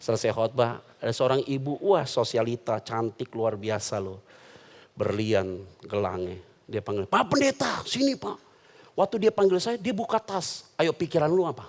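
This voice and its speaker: A man's voice: mid-range voice, normal speed. A man preaching a humorous sermon as a pastor, telling funny stories and acting out the people in them. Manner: animated, jokes and voices quoted characters. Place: church hall.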